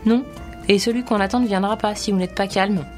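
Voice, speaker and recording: A woman's voice: medium pitch, steady tone, a little fast, faint music behind, close to an everyday voice. A woman reading out a little grumpy rabbit, shushing and annoyed, children's storybook voice. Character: small impatient male rabbit who shushes everyone.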